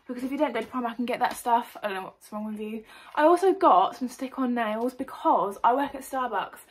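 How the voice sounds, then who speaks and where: A woman's voice: on the high side, a little fast, rough recording. Bubbly young English woman vlogging. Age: young adult. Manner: bubbly, chatty, energetic. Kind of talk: casual haul vlog. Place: bedroom under a ring light.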